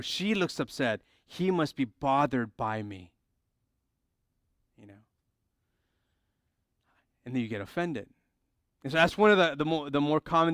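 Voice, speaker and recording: A male pastor preaching a sermon in a conversational way, acting out everyday quotes and dropping his voice low and soft for emphasis. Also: clean tone, no room sound, studio quality.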